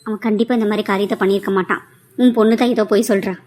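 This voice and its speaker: A woman's voice: medium pitch, fairly even intonation, racing, a little mellow, slight background noise, lightly acted. A woman voicing a middle-aged aunt who insists her son is innocent. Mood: pleading. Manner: pleading, insistent.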